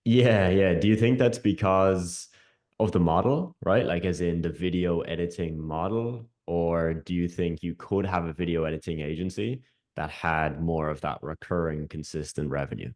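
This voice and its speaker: A man who works as a host and coach runs a casual video-call interview, upbeat, friendly and quick, frequently calling his guest "man." His voice is deep with a darkish tone.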